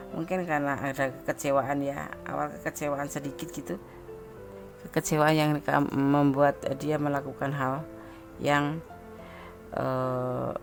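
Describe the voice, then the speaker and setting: A slightly hoarse woman, chatting casually as she gives a tarot reading, thinking aloud with fillers and restarts. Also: low voice. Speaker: tarot reader.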